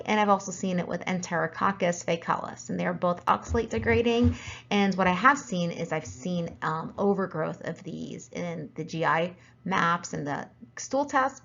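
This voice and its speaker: A woman's voice: lowish voice, vocal fry, fairly bright tone, muffled recording. A woman practitioner giving an educational talk on health, explaining step by step with frequent ums and self-corrections. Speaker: functional medicine practitioner.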